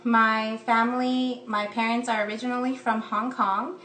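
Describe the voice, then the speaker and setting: A cheerful woman in her thirties, her voice pitched a little high, hosts a live cooking stream from her home kitchen. Her upbeat, chatty talk with frequent ums comes through a phone set back a bit. The sound is roomy and somewhat distant. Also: flat delivery, normal speed, bright, forceful tone, a little hiss or hum. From United States. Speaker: cooking instructor. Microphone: phone camera propped close.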